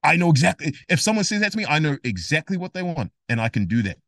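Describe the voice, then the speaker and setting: Animated man explaining with emphasis. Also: fairly high pitch, fast talker, no echo, studio quality. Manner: animated, emphatic, acts out imagined dialogue. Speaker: guest, rapper and music theory educator. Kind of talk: casual podcast interview.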